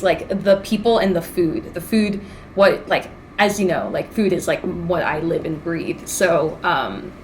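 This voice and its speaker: A woman's voice: on the low side, slight background noise, rough recording. A young woman, a podcast guest, chatting casually and animatedly, with many "like" fillers. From Singapore, then US and Hong Kong. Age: young adult. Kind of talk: casual chat.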